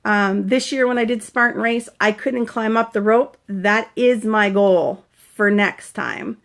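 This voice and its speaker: A Canadian fitness coach in her forties speaks with a mid-range, creaky voice at a measured pace. On a casual live-stream vlog, she talks chattily and earnestly about recovering from a concussion, breaking off now and then to brightly greet viewers.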